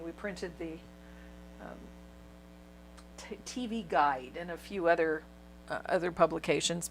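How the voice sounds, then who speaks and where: A woman's voice: fairly low pitch, gravelly, a little hiss or hum. A chatty woman who laughs easily, teaching a painting tutorial. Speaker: painting instructor.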